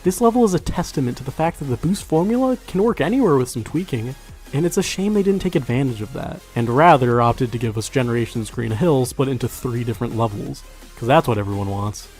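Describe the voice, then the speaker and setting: A man's voice: mid-range voice, lively intonation, quick pace, darkish tone, soft background music. A man reviewing a video game in casual, conversational scripted narration, with wry, sarcastic asides.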